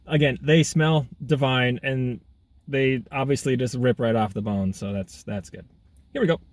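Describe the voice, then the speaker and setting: There's no room sound as a man of medium pitch, speaking at normal speed, reviews food for his vlog outdoors in half sun and half shade. He chats casually, eats while talking, and exclaims frequently.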